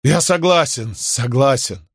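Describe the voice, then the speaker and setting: A man's voice: fairly low pitch, expressive, normal speed, a bit bright, breathy edge, no echo, clean studio sound. A man voicing a desperate, ruined middle-aged shopkeeper in an audiobook, in a strained, pleading voice. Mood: defeated. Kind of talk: audiobook character voice.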